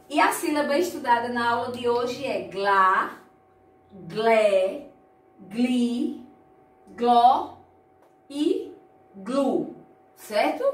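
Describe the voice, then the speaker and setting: Woman teacher, higher voice, very slow careful delivery, echoey room heard from a distance. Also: a bit bright. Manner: slow, deliberate, drawn-out syllables, frequent tag questions. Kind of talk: online lesson for young children. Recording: echoey room, voice away from the mic.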